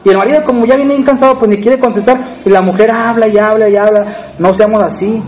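A man's voice: high voice, steady tone, fast talker, a little mellow, muffled recording, a little hiss or hum. A man with a Mexican accent preaching a sermon in a conversational way, often asking the congregation questions. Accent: Mexican Spanish.

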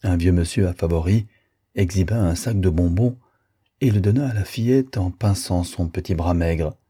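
A man narrating a novel as an audiobook, in a steady, measured storytelling manner. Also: sits low, slightly rough.

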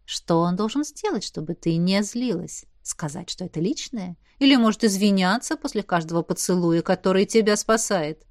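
A woman's voice: medium pitch, moderate pace, no room sound, clean studio sound, close to an everyday voice. A woman voicing a young werewolf woman who playfully teases her friend. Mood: teasing. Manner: playful, prodding, amused.

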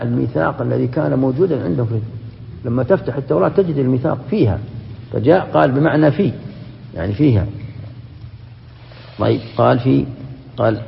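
Man, gravelly voice, rapid emphatic lecturing, dull echoey hall recording. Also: medium pitch. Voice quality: gravelly, quick and emphatic, breaks off and restarts words. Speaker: sheikh teaching a Quran commentary class. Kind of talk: classroom lecture with questions to students.

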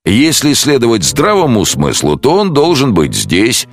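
Man putting on a raised, stiffly formal police sergeant, officious, audiobook character, gravelly edge. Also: mid-range voice, very animated, moderate pace, a bit bright, voice pushed up.

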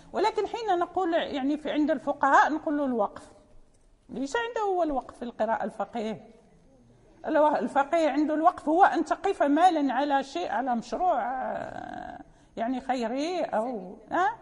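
A woman teaching a lesson on Quran recitation, explaining patiently, rephrasing often and pausing with fillers. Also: high voice, darkish tone. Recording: long hall reverb.

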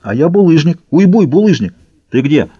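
A man's voice: fairly high pitch, sing-song, normal speed, husky, no echo, pitched above the performer's own voice. A man doing a dim, eager savage chief. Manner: eager, loud, fawning to his boss. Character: dim boastful male savage gang chief. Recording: slightly dull dry recording.

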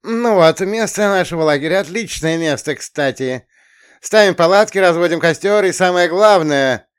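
A man's voice: sits high, lively intonation, normal speed, clear, resonant tone, voice pushed up. A man voicing a pompous, jittery male camp counselor who barks orders and loses his words. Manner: shouty, pompous, flustered.

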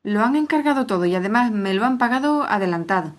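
A woman reading aloud, voicing a male innkeeper who refuses a guest in a measured, firm tone. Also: mid-range voice, expressive, lightly acted.

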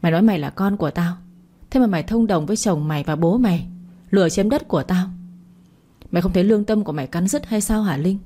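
A woman's voice: on the low side, fast, warm tone. A woman voicing an older mother, bitter and betrayed, scolding her daughter harshly. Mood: furious. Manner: harsh scolding, rough familiar address.

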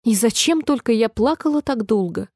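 A polite, chatty little girl with a raised, bright-pitched voice, eager and quick to apologise, as a woman puts her on in a storybook reading. The tone stays mellow, and the recording is close and dry. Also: lively intonation, no echo.

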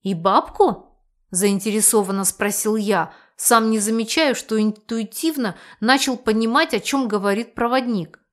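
A woman reading a fantasy audiobook with lively storytelling. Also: fairly high pitch, moderate pace, hardly any pauses. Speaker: audiobook narrator. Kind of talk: scripted fantasy narration.

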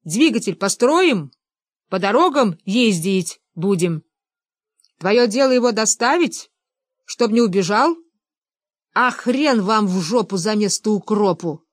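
A woman voicing a gruff, bossy older male official who scolds his son-in-law in a storybook reading. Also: sits high, expressive, a little slow, no room sound. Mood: angry. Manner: blustering, scolding.

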